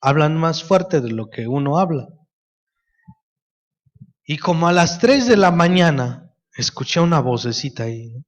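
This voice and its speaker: A man's voice: a little high, animated, a little slow, long pauses, highs cut off. A middle-aged man with a Mexican Spanish accent, a pastor preaching a sermon, telling stories and addressing the congregation as brothers.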